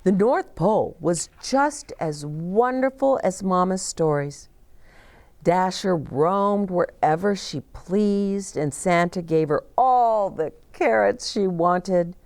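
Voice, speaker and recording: A woman in her sixties reading a picture book aloud expressively, with dramatic pauses and hushed emphasis. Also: fairly low pitch, animated, no room sound. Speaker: children's storyteller. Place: small decorated indoor set, seated.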